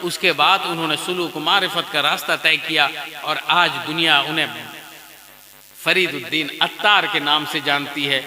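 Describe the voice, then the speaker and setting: An Islamic preacher tells a story to a wedding gathering, calling his listeners dear friends as he goes. His voice is high and piercing bright. It rings with heavy echo through the sound system. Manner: animated, addresses the crowd as dear friends. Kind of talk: storytelling sermon.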